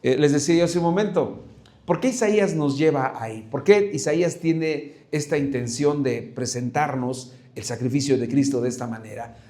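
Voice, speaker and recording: Earnest pastor preaching. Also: male voice, medium pitch, moderate pace, darkish tone. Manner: earnest, searching, with many restarts and rhetorical questions. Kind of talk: sermon.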